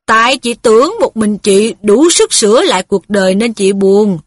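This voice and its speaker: Here is a woman reading the part of a kindly middle-aged workman, earnest and folksy in his speech. The voice is fairly high, with a husky, breathy edge. It sounds dry and close, like a storybook read-aloud. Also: moderate pace, dry recording. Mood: needling. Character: kindly aging male worker, plain-spoken.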